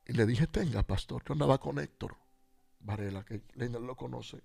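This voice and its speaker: Male pastor, radio testimony, gravelly, animated, acts out each line of dialogue. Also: mid-range voice, moderate pace, dry recording, soft background music. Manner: animated storyteller acting out dialogue. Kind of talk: personal testimony on a radio show.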